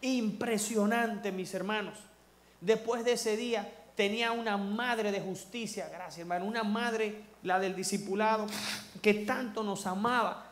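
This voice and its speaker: A man's voice: high voice, moderate pace, fairly bright tone, echoey room. A man giving a fervent church testimony, calling the congregation his brothers.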